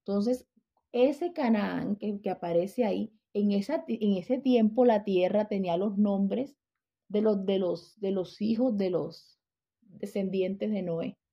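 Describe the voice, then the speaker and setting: A woman's voice: mid-range voice, slow, dark tone. A woman giving a conversational Bible lesson, often checking in with her listeners and restarting her phrases. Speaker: Bible teacher. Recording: dull lo-fi recording.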